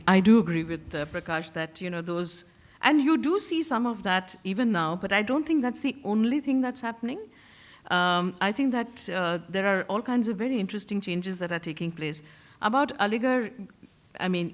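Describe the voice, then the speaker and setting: A woman speaking analytically and without a script as a panellist in a public discussion. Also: lowish voice.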